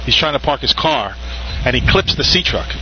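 Male trackside commentator, mid pitch, informal and chatty, muffled audio, heavy background noise. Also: animated, brisk. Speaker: race commentator. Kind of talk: casual live commentary and storytelling.

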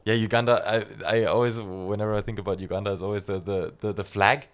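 A man's voice: lowish voice, steady tone, fast. A man hosting an interview, asking friendly questions and answering with short agreements. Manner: friendly, with short backchannel replies. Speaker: podcast host. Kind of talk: casual interview chat.

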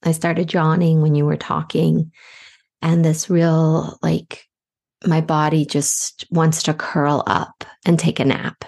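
A woman hosting a podcast, speaking softly and affectionately as she gives a guest an intuitive reading. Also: low-pitched, level tone, gravelly. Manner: slow, soft-spoken, affectionate. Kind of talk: gentle reflective podcast talk.

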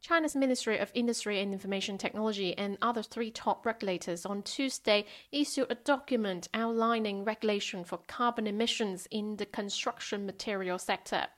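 Woman, business news presenter, rapid market news delivery, scripted reading, mid-range pitch.

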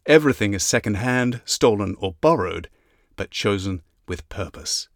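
A man narrating an audiobook in a measured, even reading. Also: on the low side, dry recording, studio quality. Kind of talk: scripted narration.

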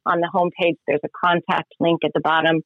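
A woman's voice: sits low, little pitch movement, quick pace, gravelly, no room sound, narrow, tinny audio. A woman speaking casually as a guest in a radio interview. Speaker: interview guest, spiritual mentor and biblical studies teacher.

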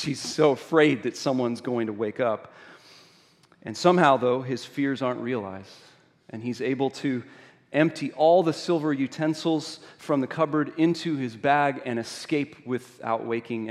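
A man preaching a sermon, telling a story with many restarts and moving between hushed and emphatic delivery. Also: mid-range voice. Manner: storytelling with many small repeats and restarts, swinging from quiet to emphatic. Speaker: pastor. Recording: long reverb of a large hall.

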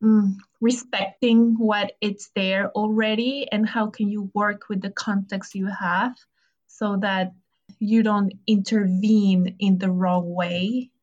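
A young woman from Ecuador answers interview questions slowly, pausing and restarting as she thinks. Her voice sits at a middle pitch, and the recording has a slightly muffled, lo-fi quality. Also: level tone, a little mellow. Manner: hesitant, with fillers and restarts. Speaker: podcast guest, architecture graduate student.

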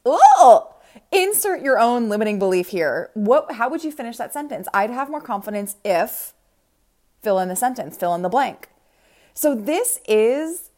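A woman's voice: a little high, darkish tone. Peppy woman podcaster talking from a closet. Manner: peppy, emphatic, informal pep talk. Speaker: podcast host and confidence coach. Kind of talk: casual motivational podcast monologue. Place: small indoor closet.

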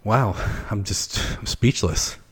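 A man talking as a financial advisor on a podcast, explaining things casually and a little haltingly. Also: lowish voice, husky.

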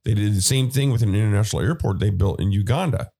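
A low-pitched man hosting a talk podcast. He walks through current events in a relaxed, conversational way, filling pauses with "uh" and "you know.". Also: creaky. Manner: conversational, with fillers and asides. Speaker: podcast host. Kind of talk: casual political commentary.

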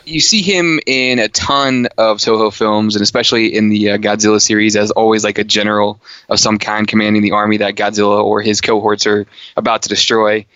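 Low-voiced guy chatting about movies, hesitant, kinda muffled dry audio. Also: fairly bright tone, dry recording. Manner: easygoing, hesitant, self-deprecating. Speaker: podcast co-host. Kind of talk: casual film podcast chat.

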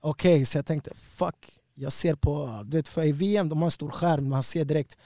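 Animated man telling a fight story. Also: on the high side, no echo, studio quality. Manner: slangy, animated, swearing. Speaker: guest fighter. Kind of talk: casual storytelling.

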